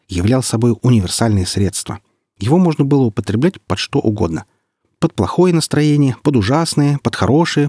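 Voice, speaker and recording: A man narrating a humorous audiobook in a deadpan, mock-serious manner. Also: on the low side, husky, no echo, studio quality.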